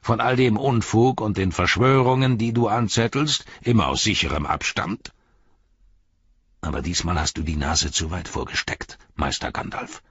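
A man reading an audiobook and voicing a sneering, mocking male herald of a dark lord, with a taunting, gloating manner. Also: lowish voice, husky, no room sound, lo-fi sound.

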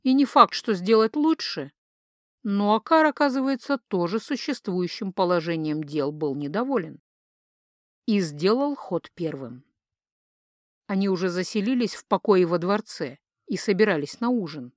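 Brief: female audiobook narrator, lively expressive read, middle pitch, dry close recording. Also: moderate pace, no room sound. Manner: expressive, lively storytelling intonation. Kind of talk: scripted narration.

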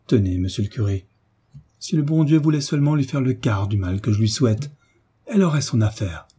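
A man's voice: fairly low pitch, fairly even intonation, normal speed, warm tone, breathy edge. A man voicing a desperate, fiercely loyal little girl in a pleading, raised voice. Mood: pleading, indignant.

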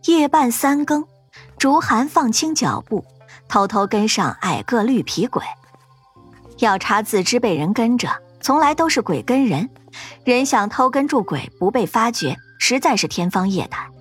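A woman narrating a fantasy ghost story in an expressive, dramatic storytelling manner. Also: a little high, measured pace, husky, soft background music.

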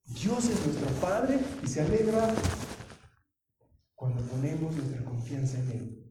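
A man's voice: a little high, measured pace, far from the mic. Echoey preaching man from afar. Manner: animated preaching with sudden loud emphasis. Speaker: pastor. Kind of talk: sermon. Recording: very echoey hall, heard from afar with clear noise.

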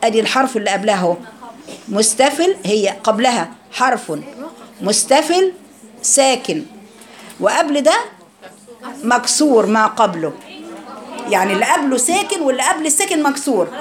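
A high-pitched woman with an Egyptian accent leads a recitation lesson in a classroom. She fires questions at her students and sounds out words slowly for them to repeat. A steady murmur of a crowded room runs underneath her voice. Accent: Egyptian Arabic. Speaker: Quran recitation teacher. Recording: crowd noise behind.

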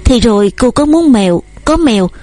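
A woman's voice: fairly high pitch, expressive, moderate pace, dark tone, no echo, lightly acted. A woman voicing an earnest, devoted young man who courts eagerly and speaks at length.

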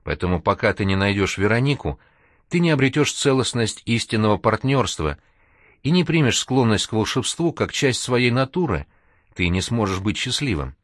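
A man's voice: fairly low pitch, animated, moderate pace, fairly bright tone, no room sound, studio quality. A man reading an audiobook, voicing a serious, sincere male mentor with a stern manner.

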